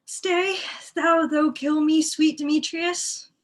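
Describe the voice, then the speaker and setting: A woman's voice: sits high, fairly even intonation, slow. A woman reading the part of a forlorn, lovesick young woman in an amateur Shakespeare read-through, pleading and self-mocking.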